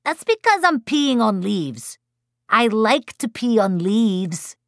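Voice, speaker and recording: A woman's voice: on the high side, very animated, takes it slowly, gravelly, no room sound, clean studio sound, pitched above the performer's own voice, heavily acted. Woman doing a stubborn toddler boy. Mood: insistent. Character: stubborn two-and-a-half-year-old boy.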